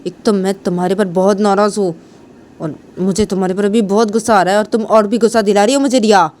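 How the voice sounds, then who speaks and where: A woman's voice: mid-range voice, fairly even intonation, fast talker, a little mellow, lightly acted. A woman voicing an angry young woman who scolds her girlfriend insistently. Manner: scolding, insistent, repeats the name.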